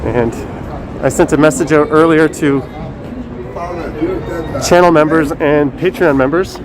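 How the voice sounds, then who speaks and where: A man chats casually and haltingly on a live stream, speaking through a face mask. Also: a little high, crowd noise. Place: outdoors in a windy downtown city square. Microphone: phone on a gimbal. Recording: noisy windy city street, traffic.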